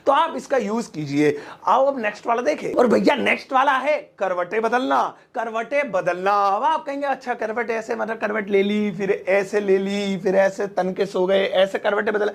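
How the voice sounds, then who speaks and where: A man teaching English idioms in a casual, playful Hindi lesson, joking and acting out examples, repeating each English phrase slowly. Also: high voice, vocal fry. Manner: playful, jokey, acts out example sentences.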